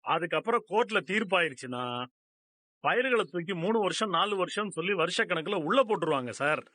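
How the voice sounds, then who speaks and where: An actor dubbing an earnest, sympathetic police constable in a TV serial who advises a worried family. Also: male voice, sits high, expressive, fairly quick, bright, forceful tone, no echo, heavily acted. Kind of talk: dubbed TV serial dialogue.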